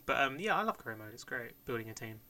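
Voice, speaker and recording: A man's voice: medium pitch, sing-song, quick pace, pushed and bright. A man co-hosting a podcast in a casual, rambling chat, swearing and laughing often. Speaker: podcast co-host.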